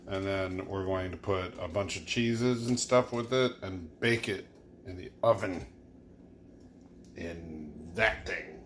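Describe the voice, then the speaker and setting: A man with a fairly low voice casually walks viewers through his cooking. He speaks very slowly and sounds tipsy, loose and prone to chuckling. There is clear background noise in his home kitchen. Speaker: host of a home cooking video.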